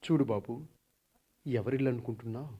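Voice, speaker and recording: An actor playing a concerned elderly head of a household who asks calm, reassuring questions, in a radio drama. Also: male voice, mid-range voice, brisk, husky, muffled recording, natural voice.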